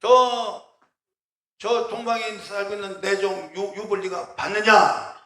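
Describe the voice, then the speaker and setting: A man's voice: high-pitched, fairly even intonation, unhurried, a bit bright, roomy sound. A man voicing God as a stern, commanding male figure in a sermon retelling.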